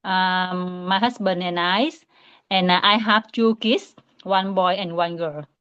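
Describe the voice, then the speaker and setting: A woman, answering practice questions in English in a hesitant, halting way with many restarts. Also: on the low side, steady tone, fairly bright tone, clear, resonant tone, lo-fi sound. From Vietnam. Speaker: student.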